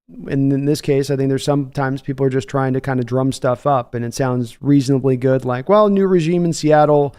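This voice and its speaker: A man's voice: mid-range voice, gravelly, darkish tone, smooth. A man hosting a sports livestream, answering viewer comments in a rambling, conversational way with frequent restarts. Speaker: sports channel host.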